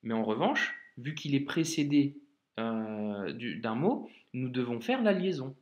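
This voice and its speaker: A man's voice: medium pitch, very animated. A man teaching Arabic reading in a video lesson, patient and repetitive, often checking the viewer follows. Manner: patient, repeats words slowly, frequent check-ins.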